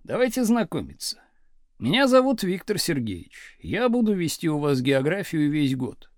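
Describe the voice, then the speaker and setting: A man's voice: on the high side, big pitch swings, moderate pace, dry recording. A man voicing a stern young male geography teacher who speaks in a dry, curt, commanding way. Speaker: school teacher.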